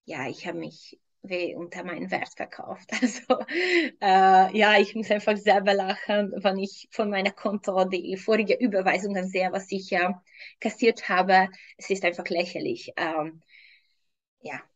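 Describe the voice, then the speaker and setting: Her voice is medium-pitched and steady, her pace measured, as this Hungarian woman in her thirties, a fitness trainer, answers an interviewer by video call from a home room. She speaks with a Hungarian accent, hesitates, says um a lot, and laughs frequently. The audio is dull.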